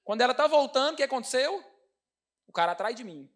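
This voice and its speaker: High, fast-talking Brazilian preacher. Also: male voice. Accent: Brazilian Portuguese. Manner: animated, addresses congregation as brothers. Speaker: pastor. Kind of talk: storytelling sermon.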